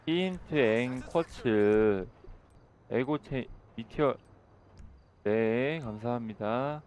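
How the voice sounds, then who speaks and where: A man improvising game role-play commentary, chatty and sarcastic, bursting into loud shouting. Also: medium pitch, extremely slow, slight background noise.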